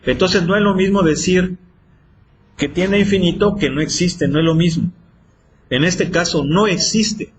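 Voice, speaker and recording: A man's voice: high voice, a little slow, slight background noise. A man teaching math in a classroom, quizzing students with repeated questions. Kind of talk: classroom lecture.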